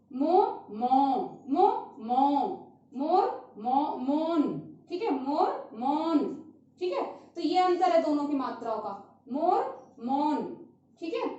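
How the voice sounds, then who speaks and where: A woman teacher giving a primary school lesson on vowel signs, patiently repeating each sound slowly and checking in often. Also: high voice, a little mellow. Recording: distant, very echoey, dull lo-fi sound.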